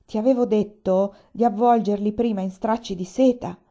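A woman's voice: mid-range voice, fairly even intonation, moderate pace, dark tone, dull audio, natural voice. A woman reading the lines of a tired, sad man who scolds his brother in an audiobook, sounding weary and reproachful.

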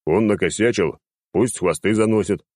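A man's voice: fairly low pitch, moderate pace, a little mellow, dry recording, studio quality, lightly acted. A man reading the part of a cocky male clown soldier who talks smugly and cheekily.

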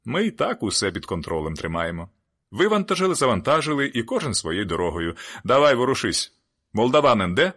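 A gruff, hoarse boss of a night work crew, as a male narrator puts him on, barking his orders loud and pitched well above a low reading voice. He is brusque and impatient, an audiobook tough giving short commands in the dark. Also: very animated, a little fast. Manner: brusque, ordering people about.

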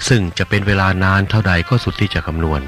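A man voicing a calm, gentle monk in an audiobook reading of a religious novel, teaching in a measured, gently admonishing way. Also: low voice, over music, lightly acted.

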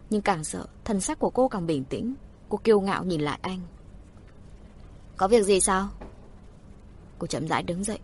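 Husky-voiced woman narrating a story. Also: mid-range voice. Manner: expressive reading. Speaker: audiobook narrator.

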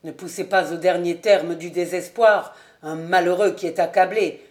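A woman's voice: sits low, little pitch movement, measured pace, a little mellow, voice pushed down. A woman voicing a despairing young nobleman in an audiobook, grave and somber.

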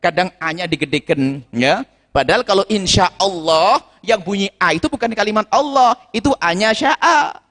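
A man with a high-pitched voice leads a religious question-and-answer lecture, explaining points with emphasis and repeating the key words. His voice rings out with a long hall reverb, as if recorded at a large gathering. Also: animated, moderate pace, fairly bright tone. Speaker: preacher answering audience questions.

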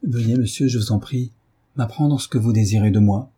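A man's voice: medium pitch, a little fast, warm tone, slightly rough. A frightened dignified young wife, read by a man. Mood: pleading, fearful. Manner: pleading, restrained.

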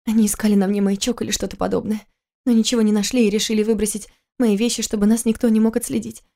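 A woman voicing a frightened young wife who pleads and sobs, in a higher voice than her narration. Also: level tone, quick pace, warm tone, natural voice. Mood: tearful pleading. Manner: sobbing, pleading.

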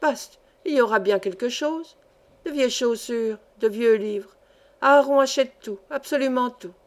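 A greedy old peddler man wheedles and fawns in an insistent sing-song, as a woman reading a story puts him on, with a voice pitched a little high. The coaxing never lets up. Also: unhurried, lightly acted. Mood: wheedling.

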